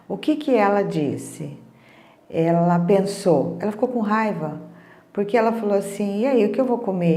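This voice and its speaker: A middle-aged Brazilian woman with a warm, mid-range voice gives a casual talk on emotions as an emotional wellness speaker, heard with roomy sound. She speaks in Brazilian Portuguese, chats conversationally, keeps adding "né?" and retells conversations.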